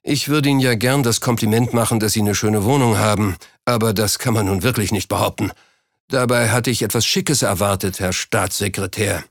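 A man's voice: fairly low pitch, brisk, no room sound, clean studio sound. A man doing a smug, bullying heavy. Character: brash, menacing burly businessman in his late twenties.

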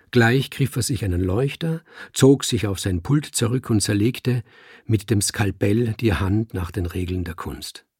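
A man narrating a story aloud in a calm, measured storytelling manner. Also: on the low side, creaky, husky, no echo, clean studio sound. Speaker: audiobook narrator. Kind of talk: scripted narration.

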